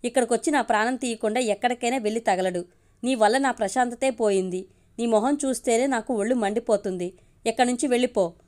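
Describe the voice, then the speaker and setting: A woman's voice: a little high, quick pace, a little mellow, close to an everyday voice. A woman voicing a stern young woman doctor who speaks in a cutting, scornful way, in an audio story.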